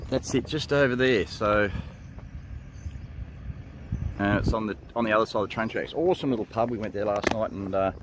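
A man's voice: fairly low pitch, brisk, pauses often, noisy background. A middle-aged Australian man chatting casually on a road-trip vlog, rambling with lots of ums and restarts, filmed on a handheld camera at arm's length outside in a small town. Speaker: vlogger. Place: outdoors in a small country town street.

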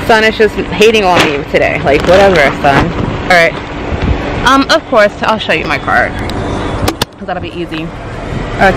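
A woman's voice: lowish voice, background noise. A young woman chatting casually to her camera in a rambling way with lots of ums and likes, filmed up close in a parking lot. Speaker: vlogger. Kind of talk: casual vlog chat. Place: outdoors in a parking lot by a car. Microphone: handheld camera close to face.

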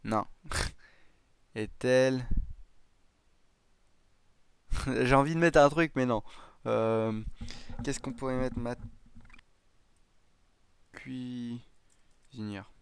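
A man's voice: medium pitch, fairly even intonation, drawn-out words, vocal fry, long pauses, clean tone. A man giving casual let's-play commentary, thinking aloud with hesitant, self-mocking remarks and frequent chuckles. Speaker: gaming YouTuber.

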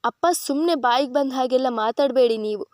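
A woman's voice: high voice, a little fast, no room sound, clean studio sound, natural voice. A woman voicing a tearful young woman who regrets harsh words.

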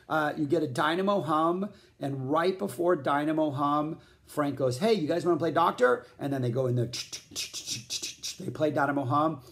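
A man giving a casual spoken album review, rambling and enthusiastic, with lots of "like" fillers, scatting riffs aloud and mentioning he feels hot. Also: fairly high pitch. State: feeling hot. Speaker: music vlogger reviewing albums.

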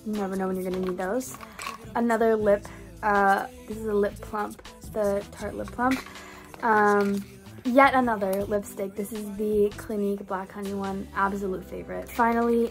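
A young woman, a college student, chatting casually to her phone camera in a small dorm room, breezy and full of fillers. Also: medium pitch. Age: young adult. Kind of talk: casual vlog talk to camera. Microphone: phone camera at arm's length.

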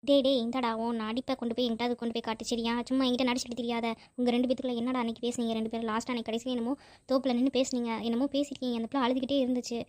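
A woman voicing a worried, scolding elderly grandmother in a cartoon, speaking in rapid nagging questions. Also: a little high, little pitch movement, darkish tone, dry recording, natural voice. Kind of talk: Tamil cartoon voice acting.

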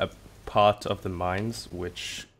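A man with a very deep voice talks his way through a game in a groggy, just-woken-up tone. He rambles and restarts, full of fillers, in a casual commentary style. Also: fairly even intonation, takes it slowly, a bit bright, slight background noise. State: groggy morning voice. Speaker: gaming channel host.

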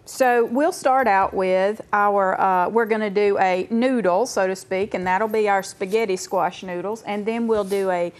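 A middle-aged woman guest cook on a TV studio kitchen set, explaining in a clear, measured way, on a lapel mic. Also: mid-range voice, fairly even intonation. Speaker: guest cook, extension educator. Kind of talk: cooking demonstration.

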